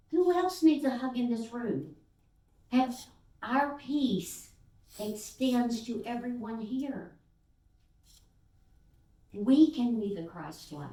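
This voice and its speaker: An older woman from Texas, a guest speaker giving a sermon, telling stories with fillers and acting out the voices of the people in them. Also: fairly high pitch. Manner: animated storyteller who acts out voices, with fillers. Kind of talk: storytelling sermon. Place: church sanctuary. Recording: roomy sound from a distance.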